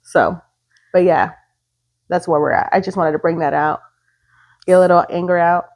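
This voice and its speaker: A podcast co-host in her late thirties talks casually, bluntly and with profanity, sprinkling Spanish words through her English. Her voice sits fairly low, steady and darkish, at a normal speed.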